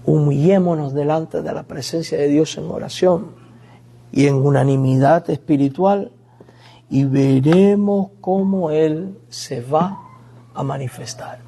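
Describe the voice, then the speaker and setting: A man's voice: on the high side, measured pace, vocal fry, mellow, slightly rough. A male pastor preaching a sermon, telling a family story and acting out the pleas he quotes.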